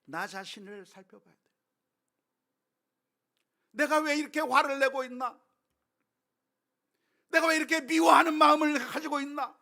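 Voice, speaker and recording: A male pastor preaching a sermon, moving between quiet, hushed passages and loud, impassioned appeals built on rhetorical questions. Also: very high voice, moderate pace, gravelly, long pauses.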